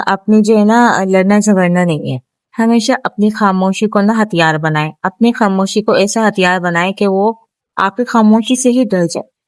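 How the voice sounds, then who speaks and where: A woman's voice: mid-range voice, no room sound. A woman with a Pakistani Urdu accent giving earnest, instructive relationship advice straight to the viewer in a vlog. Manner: earnest, instructive, speaks directly to wives. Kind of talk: advice talk to camera.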